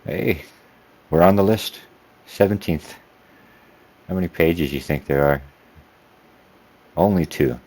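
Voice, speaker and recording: A low-pitched, slightly mellow American man speaks unhurriedly, leaving long pauses. A sim racing video creator, he gives easygoing, rambling commentary to himself as he drives in a racing game.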